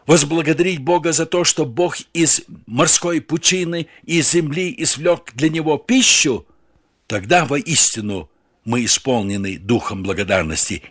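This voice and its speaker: A man's voice: a little high, fairly bright tone, dry recording, clean studio sound. A man preaching a solemn sermon, addressing listeners directly and leading them in a prayer. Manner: solemn, swelling rises and falls. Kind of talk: radio-style sermon.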